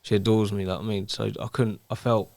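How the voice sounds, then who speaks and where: A man's voice: on the low side, flat delivery, brisk, darkish tone, dry recording. A man, speaking hesitantly as a guest and talking candidly about his life, with many stops and restarts. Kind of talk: candid personal talk.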